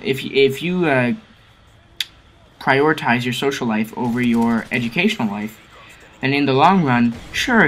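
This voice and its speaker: A man's voice: mid-range voice, a bit bright, a little hiss or hum. A teenage boy in a gaming video, lecturing viewers in a rambling, preachy way, often stumbling and correcting himself. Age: teens. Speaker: gaming commentary video maker. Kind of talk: ranting commentary over gameplay.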